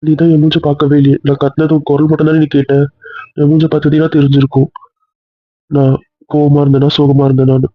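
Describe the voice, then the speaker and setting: A man's voice: a little high, no room sound. A man playing a young husband who speaks earnestly and tenderly to his wife in an amateur audio drama. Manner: earnest, heartfelt. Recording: tinny phone-like sound.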